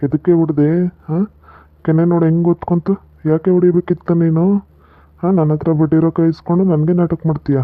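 An actor with a North Karnataka Kannada accent playing a pushy, lecherous middle-aged village moneylender with a coaxing drawl. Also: male voice, fairly high pitch, flat delivery, a little fast, lightly acted. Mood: angry. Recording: tinny phone-like audio.

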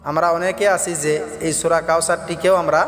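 A high-pitched male teacher leads a recitation lesson, drawing each verse out in a slow, melodic chant before breaking into brisk explanation. His voice rings through a roomy space with a long reverb tail. Faint music sits underneath. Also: level tone, a bit bright.

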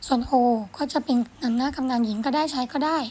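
A woman teaching French, reading phrases slowly and carefully, then explaining them quickly in a gentle, encouraging way. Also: sits high. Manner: gentle, encouraging, ends phrases with polite particles. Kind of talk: explaining a French lesson in Thai.

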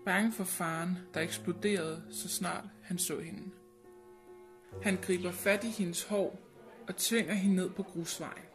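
A woman reading an audiobook in a measured, grave narration. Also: lowish voice, fairly even intonation. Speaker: audiobook reader. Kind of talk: scripted narration. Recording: narration with music bed. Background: music.

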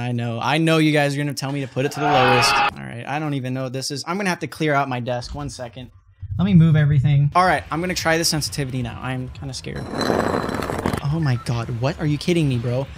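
A young man streaming a video game, talking excitedly at his desk, yelping and swearing at what happens on screen. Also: mid-range voice, fast talker, very noisy. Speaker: gaming streamer. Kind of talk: excitable gameplay commentary. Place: at a computer desk. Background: background music.

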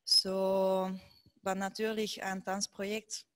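A woman's voice: medium pitch, flat delivery, slow pace, fairly bright tone, no room sound. A woman from Belgium introducing herself as a dance artist, slightly phrasing. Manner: plain, slightly non-native phrasing. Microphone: handheld mic.

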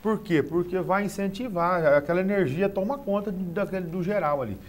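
Standing in a TV studio, a middle-aged Brazilian rodeo announcer chats casually as an interview guest, his voice high and a little fast. He often repeats small words while reaching for his next phrase.

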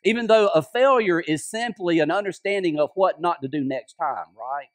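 A man preaching a conversational sermon as pastor, dropping softly on quoted words. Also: sits high, lively intonation, normal speed, no room sound. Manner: conversational preaching with restarts and drops to a soft voice on quotes. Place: church sanctuary.

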